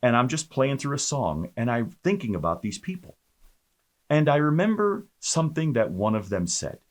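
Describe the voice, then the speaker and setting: A man, a pastor, telling his personal testimony in an animated storytelling way, with many fillers and restarts. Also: mid-range voice, normal speed.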